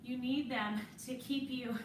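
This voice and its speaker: Encouraging high-voiced woman fitness instructor. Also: fairly even intonation, unhurried, roomy sound, far from the mic, background noise. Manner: encouraging, coaching while exercising alongside. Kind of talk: workout instruction while exercising.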